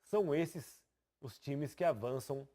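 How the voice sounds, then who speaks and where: A man presenting a TV sports analysis in a studio, explaining lively and pointing at graphics. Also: mid-range voice, a little slow.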